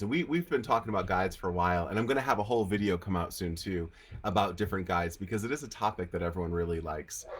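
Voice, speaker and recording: A man's voice: low-pitched, a bit bright. A man with a Rhode Island accent and a slightly nasal, congested voice, casually hosting a question-and-answer session in a conversational, encouraging way. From Rhode Island, United States. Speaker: host of a live Q&A. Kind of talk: casual spiritual teaching, answering viewer questions. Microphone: on camera with lighting setup.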